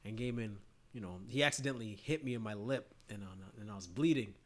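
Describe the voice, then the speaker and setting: Animated storytelling man, podcast host. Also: on the low side, quick pace. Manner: animated storyteller, acts out quotes with laughter. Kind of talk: casual conversation, storytelling.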